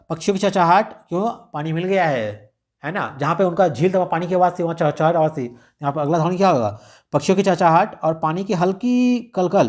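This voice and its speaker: A man's voice: a little high, a little mellow. A man explaining a radio script lesson in a casual teaching style, mixing in English words and restarting often. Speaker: exam-prep teacher.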